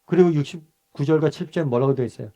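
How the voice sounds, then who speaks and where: Man, pastor, from Busan, fairly high voice, Bible study lesson, asks the group questions. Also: fast, dark tone. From Busan, South Korea. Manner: conversational, asks the group questions and answers them himself; acts out short quoted lines in a raised voice.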